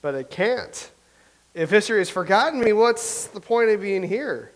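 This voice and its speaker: A man acts the part of a self-pitying, vain playwright who rambles anxiously in a staged comic reading. He speaks at normal speed in a high voice with lively intonation, captured on a low-quality recording.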